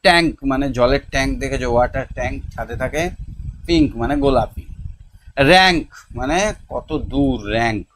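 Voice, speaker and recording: A man, tutoring young children through homework, counting slowly and drilling words one by one. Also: mid-range voice, fairly bright tone, a little hiss or hum. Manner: slow, patient counting and word-by-word pronunciation drills. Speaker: teacher.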